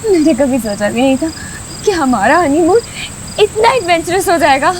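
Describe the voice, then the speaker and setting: A spoiled, dramatic young wife. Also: female voice, sits high, animated, normal speed, a little hiss or hum. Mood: scared. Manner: demanding, dramatic, mixes in English words. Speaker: newlywed wife. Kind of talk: TV drama acting.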